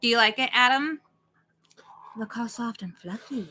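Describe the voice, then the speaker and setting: A woman in her late thirties chats loosely on a livestream, rambling from one thought to the next and calling out viewers by name. Her voice sits a little high and sounds very bright. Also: normal speed. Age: late 30s. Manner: chatty and rambling, reads out viewer names. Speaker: co-host of a horror watch-party stream. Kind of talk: casual livestream chat.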